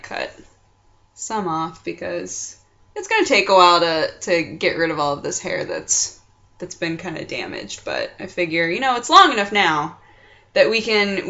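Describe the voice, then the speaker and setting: A woman's voice: on the low side, bright, forceful tone. Young woman chatting, muffled lo-fi webcam sound. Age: 20s. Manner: playful, rambling, acts out sounds and quotes. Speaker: vlog host. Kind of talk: casual chatty vlog. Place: small furnished room at home, indoors. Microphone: computer webcam mic at arm's length.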